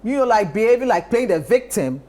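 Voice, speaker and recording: A woman on a talk panel, telling stories in a lively, insistent way and repeating her points. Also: on the high side, fairly quick. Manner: animated storytelling, repeats phrases. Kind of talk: casual chat.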